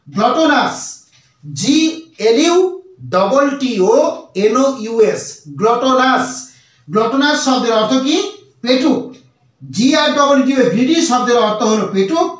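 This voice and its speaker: A man, teaching English translation slowly, repeating himself and spelling words out letter by letter. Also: extremely high pitch, heavy reverb, far from the mic.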